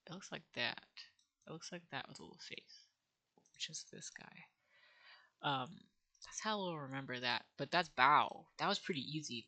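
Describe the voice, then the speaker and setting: A woman's voice: sits low, sharp tone. A woman teaching herself a language on camera, thinking aloud and sounding out syllables in a playful, self-mocking way. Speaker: language learner vlogger. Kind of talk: casual think-aloud vlog.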